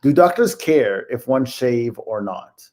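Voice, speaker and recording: An easygoing man co-hosts a casual live stream. He reads the viewers' questions aloud in a relaxed, unhurried way. His voice sits at an ordinary middle pitch. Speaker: co-host reading viewer questions.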